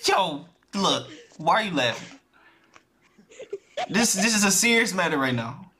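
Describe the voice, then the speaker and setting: A young man streaming a joking voice chat in an online game, flustered and stammering, breaking into sudden shouts. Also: high-pitched, very animated, unhurried, noisy background. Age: young adult.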